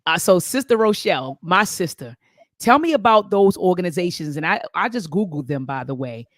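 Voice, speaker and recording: Talk host, dry close sound, mid pitch, affirming, stumbles and repeats words. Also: sing-song, a little fast, dry recording. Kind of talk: casual talk show hosting.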